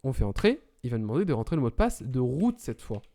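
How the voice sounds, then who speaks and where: A man's voice: mid-range voice, big pitch swings, quick pace, dark tone. A man talking through a computer setup tutorial step by step, correcting small slips as he goes. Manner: talks through commands step by step, with self-corrections. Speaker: tutorial presenter. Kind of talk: screen-recorded IT tutorial.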